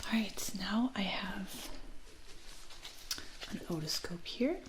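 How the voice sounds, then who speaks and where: A woman in a whispered role-play as an ear examiner, speaking in a soft, breath-only whisper with a gentle, reassuring manner and frequent check-ins. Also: medium pitch, lively intonation, slow, background noise. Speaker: ASMR performer playing an ear examiner.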